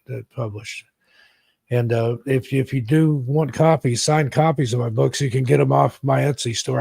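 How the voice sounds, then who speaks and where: Male host for a casual late-night stream. Mid-pitched, rambling delivery full of "uh"s, close and dry. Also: a little mellow, no echo. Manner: rambling, frequent fillers and throat-clearing. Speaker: live stream host and storyteller. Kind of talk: casual live-stream chat.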